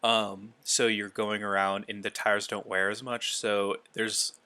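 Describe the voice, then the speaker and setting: A man's voice: fairly low pitch, level tone, unhurried, sharp tone, clear, resonant tone. A man hosting a casual podcast, rambling loosely with lots of fillers. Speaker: podcast host. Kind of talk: casual chat about racing.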